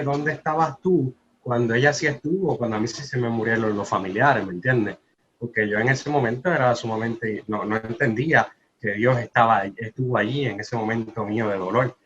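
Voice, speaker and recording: A man, earnestly sharing a personal testimony as a podcast co-host, his voice often trailing off softly. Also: mid-range voice. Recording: slightly muffled with faint background noise.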